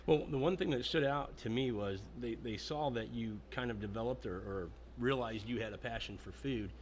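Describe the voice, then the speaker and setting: A man's voice: medium pitch, normal speed, slight background noise. A man hosting a podcast interview on location at a restaurant, talking in a chatty, rambling, enthusiastic way. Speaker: podcast host.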